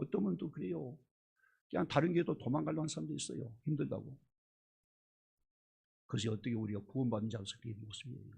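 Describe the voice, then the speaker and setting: A male pastor preaching a sermon with passion, firing rhetorical questions and moving between loud appeals and hushed asides. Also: a little high, gravelly, husky.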